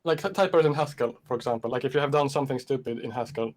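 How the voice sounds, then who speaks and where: Man on a choppy video call with dropouts. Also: mid-range voice. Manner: halting, restarts words often. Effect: choppy video-call audio cutting in and out. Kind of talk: casual technical discussion on a video call.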